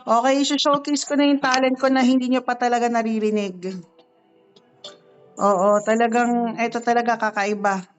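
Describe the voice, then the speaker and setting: High-voiced woman rapping over loud music. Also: steady tone, normal speed, smooth. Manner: playful, half-sung rap delivery. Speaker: mother figure of the group. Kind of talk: rapping and singing for friends. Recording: dull lo-fi sound with loud music. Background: backing music.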